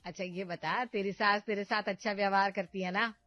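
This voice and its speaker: A woman voicing a meddling, domineering middle-aged mother who loudly stirs up trouble in her family. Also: mid-range voice, fairly even intonation, a little fast, dry recording, lo-fi sound, faint music behind, lightly acted. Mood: sweetly scheming.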